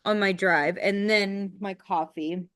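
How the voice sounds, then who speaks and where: A laid-back young woman co-hosting a podcast, laughing easily and swearing offhandedly. She talks slowly at a middle pitch, and her voice sounds close and dry. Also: steady tone, a bit bright, no echo. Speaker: podcast co-host. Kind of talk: casual chat.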